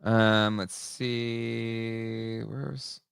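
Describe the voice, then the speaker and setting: Chatty man with a bright, forceful voice. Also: lowish voice, level tone, extremely slow, creaky, smooth, dry recording, studio quality. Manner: rambling, many fillers and restarts. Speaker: podcast host. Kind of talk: casual chat.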